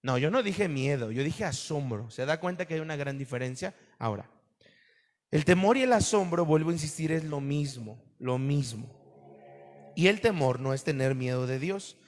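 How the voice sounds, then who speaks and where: Pastor, male, raised voice, lively sermon delivery, recorded in a reverberant church hall. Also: fairly high pitch, moderate pace. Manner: animated preaching to a congregation, asks questions.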